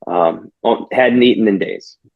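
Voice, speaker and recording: A man's voice: on the low side, a little slow, gravelly, phone-quality sound. A man, a pastor, telling a personal story in an interview, earnest and reflective, often restarting his phrases. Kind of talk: conversational storytelling.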